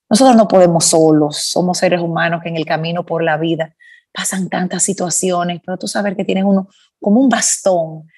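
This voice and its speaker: A woman's voice: lowish voice, darkish tone. A middle-aged woman co-hosting a podcast, telling a heartfelt, rambling personal story of faith from her bedroom at home and correcting herself as she goes. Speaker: podcast co-host. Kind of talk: casual faith testimony.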